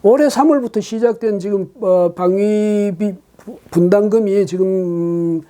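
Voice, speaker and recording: Guy doing solo political commentary on his channel, super dark mellow tone, keeps asking rhetorical questions, lots of uh fillers. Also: high-pitched, measured pace. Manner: emphatic, with frequent rhetorical questions and hesitant fillers.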